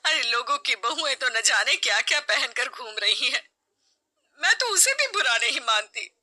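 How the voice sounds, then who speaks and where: A kind mother-in-law in middle age, as a woman storyteller plays her, speaking softly and unhurriedly. Her voice stays bright and clear as she reassures and explains. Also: mid-range voice, big pitch swings, unhurried, full character voice. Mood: gentle. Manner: soft, patient, explaining.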